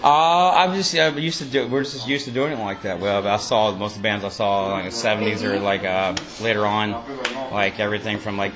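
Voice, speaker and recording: A man, a rock musician, answering interview questions casually, halting and restarting with lots of fillers. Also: fairly low pitch.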